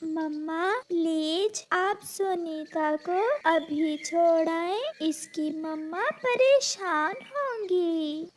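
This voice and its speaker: A woman's voice: very high voice, very slow, slight background noise, full character voice. A woman voicing an earnest little boy sparrow. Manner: earnest, pleading. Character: young boy sparrow chick, kind and earnest.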